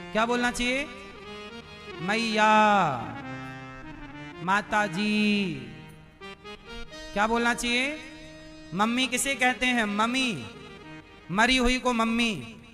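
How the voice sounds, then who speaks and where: A man giving a devotional discourse as preacher, quizzing and teasing his listeners with rhetorical questions and scolding answers. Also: extremely high pitch. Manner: quizzes and teases the audience with questions.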